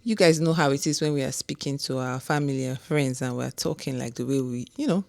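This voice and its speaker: Earnest Nigerian woman, low voice. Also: a little fast, vocal fry, a little mellow, no echo, clean studio sound. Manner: earnest, emphatic, rhetorical. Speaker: vlogger. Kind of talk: motivational talk to camera.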